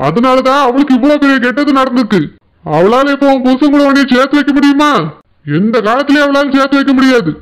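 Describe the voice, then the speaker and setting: A man's voice: very high-pitched, clear, resonant tone, low-quality recording. A man voicing a stern, angry middle-aged village father who lectures indignantly with a Tirunelveli Tamil accent. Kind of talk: cartoon voice acting.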